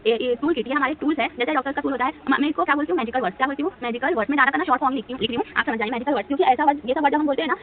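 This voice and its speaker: A woman teacher with an Indian accent, explaining a lesson at a board, asking questions and answering them herself. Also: high voice. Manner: asks and answers her own questions, repeats words. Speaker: English teacher. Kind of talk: whiteboard lesson. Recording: tinny lo-fi phone-like recording with faint hiss.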